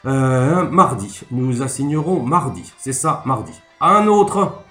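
A brisk, officious little country judge, played by a male narrator, cuts people short in a raised, firm voice. The sound is roomy and echoey, with soft music behind. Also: medium pitch, lively intonation, pitched above the performer's own voice. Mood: impatient. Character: impatient small bald country judge. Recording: echoey room, faint music.

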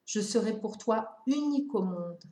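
A woman voicing a patient, wistful fox who explains things calmly and reflectively. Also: mid-range voice, unhurried, reverberant, lightly acted.

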